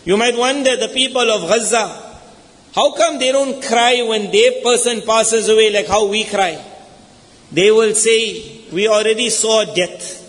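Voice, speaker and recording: A man's voice: sits high, a little slow, a bit bright. A man with a South African accent preaching a sermon in a mosque, telling a story and acting out the quoted lines with rising intensity. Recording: long hall reverb in a mosque.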